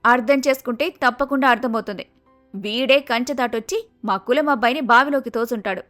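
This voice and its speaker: A woman voicing a prejudiced young village woman who loudly scolds and accuses others, in a cartoon story. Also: fairly high pitch, fairly quick, faint music behind, lightly acted. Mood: accusing.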